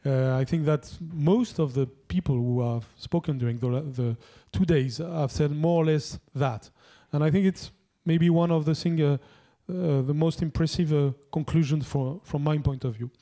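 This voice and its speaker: A man's voice: on the high side, normal speed, dark tone. A man giving formal closing remarks at a conference, hesitant, with many fillers and restarts.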